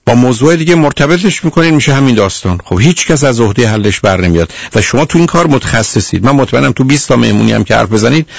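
Stern, gravelly radio counselor man. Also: mid-range voice, animated, hardly any pauses, no room sound. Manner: stern, lecturing, repeats "dear" to the caller. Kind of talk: radio call-in advice.

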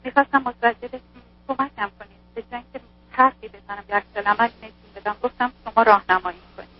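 A woman's voice: on the high side, soft background music. Hesitant female caller on weak phone line. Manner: hesitant, halting speech. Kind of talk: phone call to radio show. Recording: faint, muffled phone line.

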